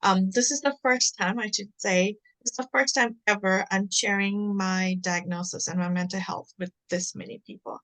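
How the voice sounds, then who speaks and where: A woman's voice: medium pitch, fairly even intonation, moderate pace, hardly any pauses, a bit bright, low-quality recording. A woman from Nepal, a cancer patient candidly sharing her experience on a panel. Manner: candid, plain-spoken. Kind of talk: personal account on a panel.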